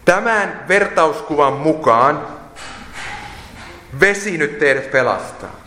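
A man's voice: on the high side, lively intonation, sharp tone, slight background noise. A man preaching a sermon, emphatic, listing points and quoting scripture. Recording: echoey hall with long reverb.

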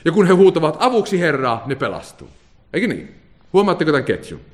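A man's voice: fairly high pitch, very animated. A man preaching a sermon, asking his listeners rhetorical questions and laughing now and then as he explains.

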